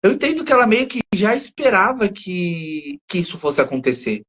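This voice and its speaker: Man, Brazilian Portuguese accent, podcast co-host, analytical, husky voice. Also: high-pitched, big pitch swings, normal speed, a bit bright. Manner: analytical, thinks aloud, restarts often. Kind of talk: casual discussion of a TV episode.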